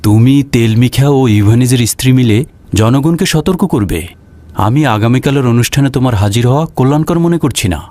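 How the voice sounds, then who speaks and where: A man's voice: medium pitch, fairly quick, warm tone, lightly acted. An actor playing a steadfast, devout husband and father who speaks solemnly and earnestly, recorded as dubbed dialogue over music. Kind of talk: dubbed drama acting.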